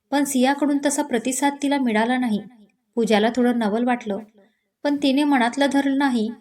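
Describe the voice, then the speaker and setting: A woman's voice: a little high, darkish tone. Woman narrating a romance story.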